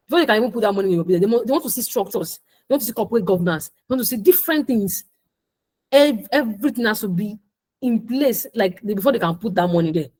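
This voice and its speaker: A woman talks founders through raising money. She speaks informally and with emphasis, repeating herself and restarting her sentences. Her pitch sits in a middle range. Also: darkish tone, rough recording. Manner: repetitive, emphatic, laughs at her own points. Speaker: speaker on business funding. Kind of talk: informal talk to entrepreneurs.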